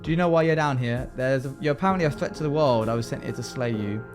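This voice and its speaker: Laid-back male game streamer, mid-pitched. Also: fast. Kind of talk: casual let's play chat, reacting and reading out choices. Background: faint game music.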